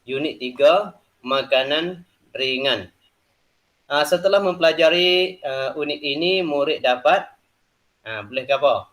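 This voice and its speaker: A man's voice: a little high, moderate pace, fairly bright tone. Chatty man teaching in local dialect. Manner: loose, repetitive explaining with many "ha" and "nah" fillers. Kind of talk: classroom lesson explaining a textbook unit.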